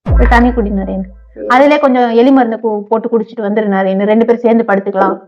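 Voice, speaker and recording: A woman's voice: on the high side, steady tone, fast talker, highs cut off. A woman with a Tamil accent, pleading frantically and tearfully with her husband in a casual couple vlog. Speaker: wife in a prank vlog.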